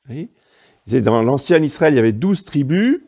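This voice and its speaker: A man preaches a sermon in a didactic, emphatic way. His pitch rises and falls freely, and his voice is gravelly with a mellow, dark tone. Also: big pitch swings, fairly quick. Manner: didactic, emphatic asides, frequent "hein" and "vous voyez". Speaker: priest.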